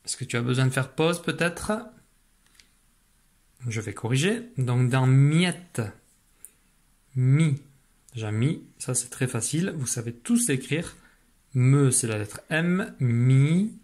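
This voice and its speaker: A male teacher leads a spelling dictation at an unhurried, deliberate pace. He speaks patiently and repeats each syllable. His voice sits at a middle pitch. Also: expressive, a little mellow. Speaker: primary school teacher.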